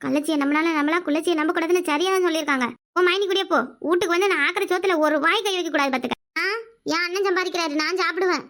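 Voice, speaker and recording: Brief: woman voicing a quick-tempered village woman for a cartoon, Kanyakumari Tamil accent, very high and bright. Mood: scolding. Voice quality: shrill, scolding.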